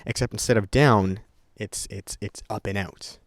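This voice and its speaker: A young man vlogs off the cuff to his camera, rambling, swearing freely and restarting often. His voice sits lowish with fairly even intonation and a measured pace. The recording is studio quality with no room sound.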